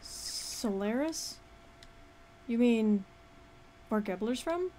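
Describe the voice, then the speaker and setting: A woman's voice: on the high side, animated, extremely slow, warm tone, slight background noise. A woman voicing a brash young male video game hero, blunt and informal as they read the dialogue aloud. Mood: questioning, indignant.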